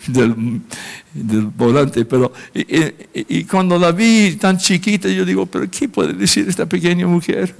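A man, a pastor, preaching a testimony, speaking emotionally and lifting his voice high when he acts out his own prayers. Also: vocal fry. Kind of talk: sermon testimony.

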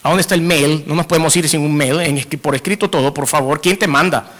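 A man's voice: on the high side, quick pace, fairly bright tone, in a large hall, close to an everyday voice. A man playing Moses as a fussy, anxious grown man who demands written orders, in a mock-bureaucratic fretful tone.

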